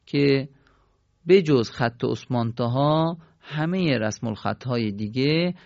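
A man's voice: mid-range voice, vocal fry, darkish tone, dry recording, dull audio. A man teaching a Quran recitation lesson in a patient way, asking questions and then answering them himself. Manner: patient, asks and answers his own questions. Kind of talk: explanatory lesson.

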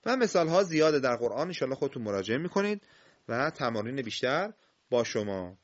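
A man teaching the rules of Quran recitation, explaining step by step, quizzing his listeners and reading example words slowly. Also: medium pitch. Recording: slightly dull lo-fi recording.

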